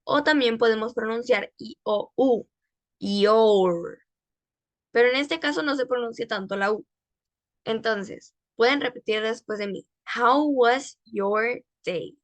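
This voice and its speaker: Woman teacher, slightly high voice, dry close sound, slow drilled English phrases for repetition. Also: no echo. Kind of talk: English lesson for Spanish speakers.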